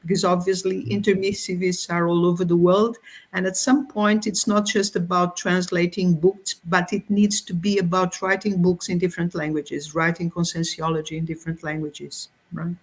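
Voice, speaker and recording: A middle-aged woman from Portugal, a guest explaining her views in a thoughtful, unhurried way with frequent pauses. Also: lowish voice, flat delivery, breathy edge. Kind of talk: explanatory conversation.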